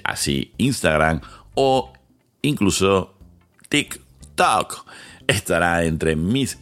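A man hosting his podcast in a monologue, with dramatic pauses, slow emphatic phrases and quick lists, speaking into a studio mic. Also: low voice, fairly bright tone. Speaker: podcast host, lawyer. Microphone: studio microphone with headphones.

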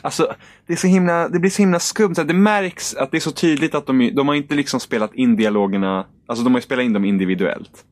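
A young man in casual podcast chat about a video game, animated, often jumping into high voices to act out quoted lines. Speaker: podcast co-host.

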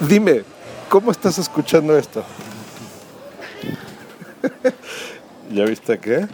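A man's voice: on the high side, big pitch swings, normal speed, dark tone, a little hiss or hum. A Mexican man giving casual podcasting advice, talking into his phone and asking the listener rhetorical questions. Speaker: podcast host.

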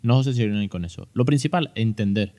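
A man in his thirties with a Spain Spanish accent hosts a casual educational podcast, talking fast in a fairly low, mellow voice. He's chatty and jokey, full of fillers and restarts.

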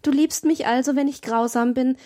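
A woman's voice: high voice, fairly even intonation, normal speed, mellow, pitched above the performer's own voice, lightly acted. A woman reading an audiobook, voicing a haughty, capricious young noblewoman who swings between tender and cruel. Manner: imperious, alternating tender and cruel.

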